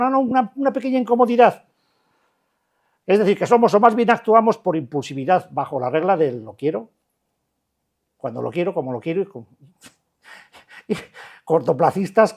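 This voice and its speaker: A man's voice: high-pitched, darkish tone. An older man with a Spanish accent from the Basque Country, giving a blunt, colloquial talk to a recovery group, full of restarts and rhetorical questions. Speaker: addiction recovery counselor.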